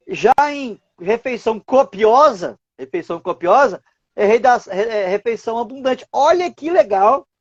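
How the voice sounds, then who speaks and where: A man's voice: very high-pitched, no echo, lo-fi sound. A man, a writer and teacher, explaining word origins as a guest on a live stream, posing rhetorical questions as he goes. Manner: didactic, asks rhetorical questions.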